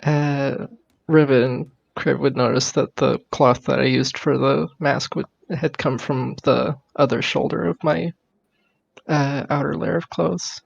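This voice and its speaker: A man's voice: mid-range voice, steady tone, a little slow, vocal fry, husky, no room sound. A man chatting casually as a player in a tabletop game, hesitant, on a dull recording. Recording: dull, lo-fi voice sound.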